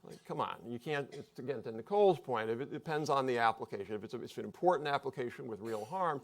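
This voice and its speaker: A man's voice: medium pitch, lively intonation, quick pace. A man speaking as a panelist at a live public discussion, explaining points in an offhand, joking way.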